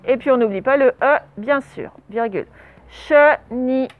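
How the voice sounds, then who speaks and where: High-voiced woman teacher dictating slowly. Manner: slow, syllable-by-syllable dictation, spelling letters aloud; speaking through a face mask. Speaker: primary school teacher. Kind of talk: spelling dictation lesson. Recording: narrow phone-like sound. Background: traffic noise through open doors.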